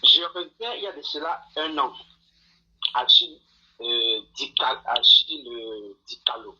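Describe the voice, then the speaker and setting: A man's voice comes through a phone held away on loudspeaker, dull and lo-fi. He sounds very bright and strained, with a badly husky, rough edge. He presses his point again and again. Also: mid-range voice, animated, unhurried. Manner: insistent, repeats himself. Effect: heard through a phone on loudspeaker. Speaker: caller. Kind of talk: phone-in to a live stream.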